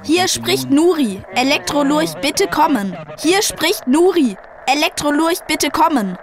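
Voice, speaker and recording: A woman voicing a young girl who calls in over a radio link, loud and eager. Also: sits high, animated, unhurried, a crowd in the background. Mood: urgent. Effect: heard over a radio link. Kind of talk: children's radio drama acting.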